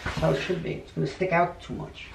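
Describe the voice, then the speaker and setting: A man's voice: fairly high pitch, fast, gravelly, very noisy. A middle-aged man hosting a casual DIY vlog, chatting easily and joking as he works on a staircase in his home.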